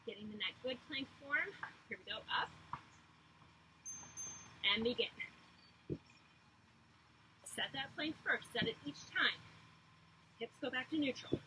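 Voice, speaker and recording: Female fitness instructor, bright forceful high voice, short encouraging cues and counts, active while talking, faint background noise. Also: lively intonation, rough recording. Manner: brisk, encouraging instruction in clipped commands. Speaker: fitness instructor leading a workout.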